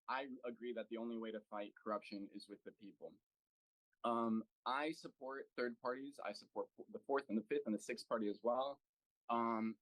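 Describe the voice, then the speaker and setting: Speaking to an online political meeting on a video call, this American local party chapter president is earnest and thinks aloud, stumbling through many fillers and restarts. He has a mid-range voice, and the recording is rough with no room sound.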